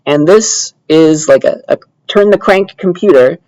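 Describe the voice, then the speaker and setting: A man with a fairly high, slightly mellow voice lectures a computer science class at an unhurried pace. He's casual and chatty, regularly checking in with "yeah" or "all right." The recording is dry and lo-fi.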